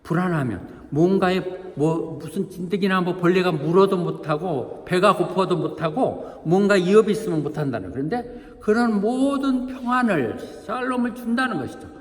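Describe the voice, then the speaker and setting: Male pastor, animated conversational sermon, long church-hall reverb. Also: high voice, moderate pace, few pauses. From Korea. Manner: lively, chatty preaching with asides to the congregation and playful acted quotes.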